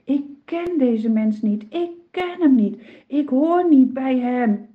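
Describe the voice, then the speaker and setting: Lady putting on a scared grown man disciple, high pleading voice, dull old tape sound. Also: expressive, slow. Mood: frantic. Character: frightened grown male disciple Peter, anxious.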